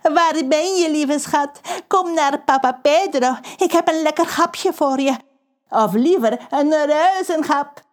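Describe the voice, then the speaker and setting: A woman's voice: sits high, lively intonation, a little slow, a little mellow, long reverb tail, pitched above the performer's own voice. A woman doing a spiteful gleeful pirate man. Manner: mocking, bossy, taunting. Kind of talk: children's audiobook character voice.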